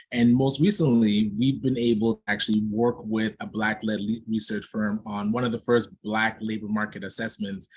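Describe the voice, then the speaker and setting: Low, husky-voiced earnest man. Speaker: panelist. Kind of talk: online panel discussion.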